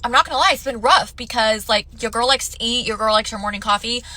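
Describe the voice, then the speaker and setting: A woman's voice: on the high side, fast, sharp tone, rough recording. A woman vlogging in candid, chatty talk to her viewers, her voice stuffy and congested through the nose. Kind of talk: casual chat to camera.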